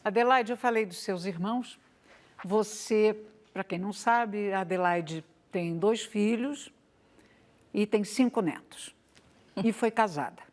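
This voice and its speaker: A woman's voice: mid-range voice, a little slow, a little mellow. A woman host asking a guest teasing, probing questions on a TV talk show in a studio. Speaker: interviewer.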